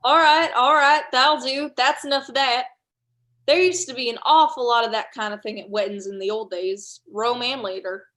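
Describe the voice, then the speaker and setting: Brief: young woman as a folksy, chatty stage manager in a school reading, slightly high voice. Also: steady tone, moderate pace, fairly bright tone, close to an everyday voice. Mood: wry. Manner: chatty, plainspoken storytelling. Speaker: student actor. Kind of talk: amateur play reading.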